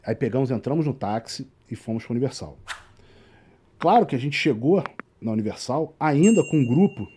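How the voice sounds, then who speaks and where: A man's voice: mid-range voice, expressive, normal speed, dark tone, slight background noise. A man with a Brazilian Portuguese accent, a tour guide guest telling a story in casual chat and acting out the dialogue.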